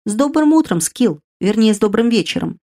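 A woman's voice: mid-range voice, moderate pace, a little mellow, natural voice. A woman voicing a good-natured, firm young man who is a bear shifter.

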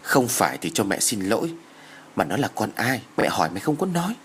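A man's voice: lowish voice, big pitch swings, brisk, a bit bright, slight background noise. A man voicing a distraught older village mother who wails and scolds. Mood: apologetic. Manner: wailing and scolding.

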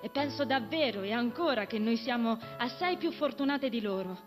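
A woman's voice: on the high side, lively intonation, normal speed, music in the background, natural voice. A woman voicing a proper eldest sister, a young woman who talks in a prim, lecturing way. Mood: nostalgic.

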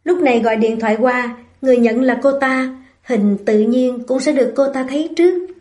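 A woman narrating a novel aloud in an even, storytelling manner. Her voice is mellow and soft-edged and sits a little high. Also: a little fast. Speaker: audiobook narrator.

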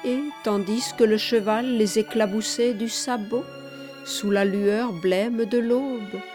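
A woman reading a story aloud as an audiobook narrator, in a measured, unhurried way. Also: mid-range voice, fairly even intonation, music in the background. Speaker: audiobook reader. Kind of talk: scripted narration.

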